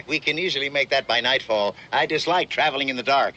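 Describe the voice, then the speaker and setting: A man's voice: medium pitch, fairly quick, bright, forceful tone, muffled recording, lightly acted. An actor playing a grandiloquent traveling showman and huckster in a TV western, with pompous, wordy riverboat gambler patter. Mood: grandly courteous. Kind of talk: 1960s television western acting. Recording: noisy old TV western soundtrack.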